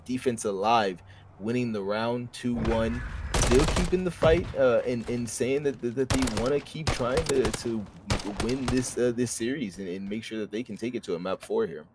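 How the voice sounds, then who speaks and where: A man's voice: medium pitch, fairly even intonation, background noise. A young man giving esports color commentary who often stumbles and restarts his sentences. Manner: halting, with many fillers and restarts. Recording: loud game gunfire in the background.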